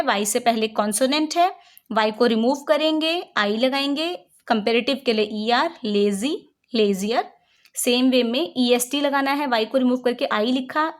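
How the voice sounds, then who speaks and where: A woman teaching English grammar in Hindi. She reads each rule slowly in English, then explains it in Hindi with rhetorical check-in questions. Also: a little high. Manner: patient, checks understanding with frequent rhetorical questions.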